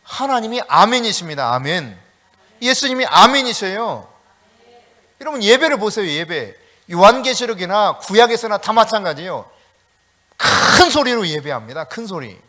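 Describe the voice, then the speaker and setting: A middle-aged male pastor giving a sermon, animated and storytelling, talking directly to the congregation with chatty asides. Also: high voice, normal speed. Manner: animated preaching with shouted calls.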